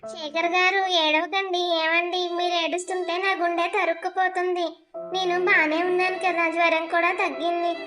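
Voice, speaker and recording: An actress voicing a gentle young wife in a cartoon family drama, speaking softly to her husband. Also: extremely high pitch, little pitch movement, moderate pace, music in the background. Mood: tender.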